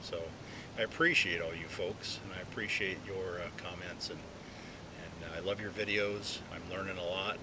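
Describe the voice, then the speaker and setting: A man chatting casually and reflectively to viewers outdoors, in a halting way, talking around a pipe in his mouth. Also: fairly even intonation. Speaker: pipe smoking video blogger. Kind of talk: casual solo chat to viewers. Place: outdoors, sitting inside a hollow tree. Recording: noisy outdoor recording with low rumble.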